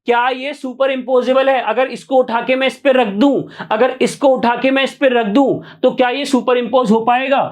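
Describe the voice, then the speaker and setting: A man's voice: extremely high pitch, steady tone, normal speed, hardly any pauses. A man teaching chemistry online, repeating each question to his students and answering it himself, often asking yes or no. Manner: coaxing, keeps asking yes or no. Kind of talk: online exam-prep lecture.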